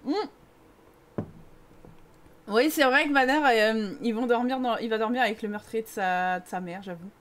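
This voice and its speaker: Young parisian woman on a live stream, high voice, teasing chatter with viewers. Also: moderate pace, pauses often, a bit bright. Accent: Parisian French. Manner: chatty, teasing, reads chat aloud. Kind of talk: casual live-stream chat over gameplay.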